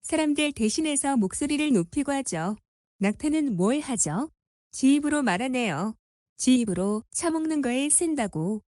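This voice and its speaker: A woman's voice: high voice, lively intonation, normal speed, darkish tone, no room sound, studio quality. A woman reading scripted voice-over commentary in a scornful, mocking tone. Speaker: commentary narrator.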